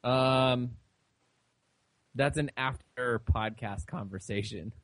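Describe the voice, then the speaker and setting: Halting young man on a dry mic. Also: mid-range voice, no echo. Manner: halting, many fillers and restarts. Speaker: podcast co-host. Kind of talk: casual podcast chat.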